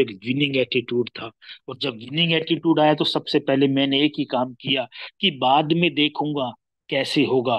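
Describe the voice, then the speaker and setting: A man with an Indian accent giving a rousing motivational training talk to his team. His voice swings from loud, emphatic peaks down to soft trailing phrase endings. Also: medium pitch, no room sound, poor audio. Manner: rousing, repeats "my dear friend" and "dosto" often; drops to near-murmur at phrase ends.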